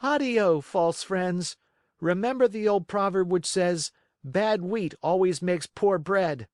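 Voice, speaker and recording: A man voicing an eager young wooden marionette boy with a bright, earnest voice. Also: high voice, takes it slowly, dry recording, studio quality, voice pushed up. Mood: scornful.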